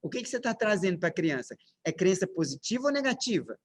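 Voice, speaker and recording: A man's voice: high-pitched, big pitch swings, fast talker, slight background noise. A Brazilian man with a Brazilian Portuguese accent gives a lecture on parenting, asking his audience many rhetorical questions and stressing his points with emphasis. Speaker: parenting speaker. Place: lecture room with slides.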